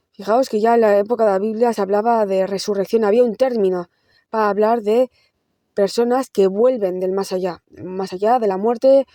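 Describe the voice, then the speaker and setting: This woman's voice is medium-pitched and dark, captured at studio quality with no echo. As a film reviewer she talks directly to her viewers, explaining the plot casually and restarting often.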